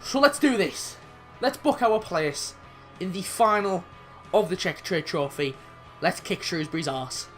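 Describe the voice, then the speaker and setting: A young man commentating his own football video game match, excitable and swearing, with sudden shouts when goals go in. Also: sits high, unhurried, soft background music. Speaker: gaming YouTuber.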